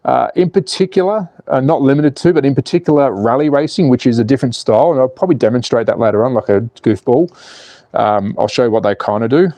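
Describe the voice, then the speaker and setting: On his casual slot car livestream, a cheeky Australian host in his forties walks viewers through a build, reading out chat, swearing freely and laughing at his own jokes. His mid-range voice is mellow, dark and fast, recorded close and dry with no echo.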